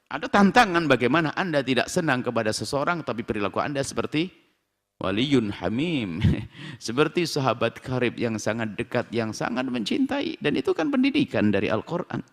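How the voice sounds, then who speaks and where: A man preaching a sermon, emphatic with drawn-out phrases. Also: mid-range voice, big pitch swings. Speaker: Islamic preacher. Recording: long hall reverb.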